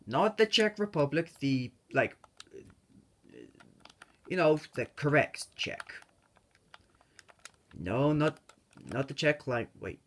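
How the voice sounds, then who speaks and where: Rambling man with lively, drawn-out speech. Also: fairly high pitch. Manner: rambling, joking, self-correcting. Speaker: gaming video creator. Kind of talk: casual gameplay commentary. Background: keyboard and mouse clicks.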